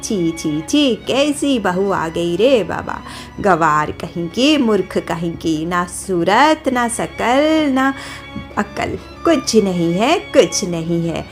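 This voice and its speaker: A woman voicing a sharp-tongued, scornful old grandmother-in-law in a cartoon story, muttering slow mockery. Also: medium pitch, big pitch swings, faint music behind. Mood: mocking scorn. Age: older.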